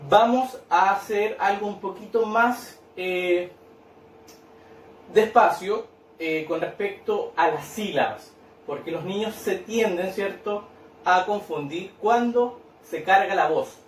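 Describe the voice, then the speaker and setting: A man's voice: high voice, distant mic, slight background noise. A male teacher explaining a worksheet in a patient, repetitive way, checking in with tag questions. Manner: patient, repeats and claps out syllables, tag questions. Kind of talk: recorded lesson explaining a worksheet. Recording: echoey room, off-mic.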